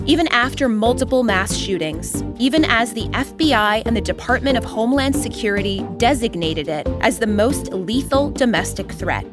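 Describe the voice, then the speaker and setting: A woman hosting a podcast in measured, serious scripted narration. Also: on the high side. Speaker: podcast host.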